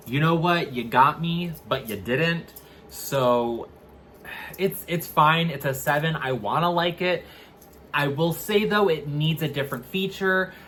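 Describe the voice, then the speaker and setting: A man's voice: fairly high pitch, fairly bright tone, slight background noise. A man co-hosting a casual album review, speaking candidly and often restarting his sentences as he works out his opinion. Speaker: co-host music reviewer.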